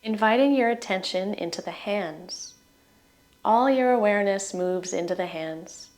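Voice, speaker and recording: Speaking very slowly and without hurry, a woman leads a relaxation meditation. She offers gentle, soothing instructions in short phrases in a mid-pitched voice, letting each one trail off.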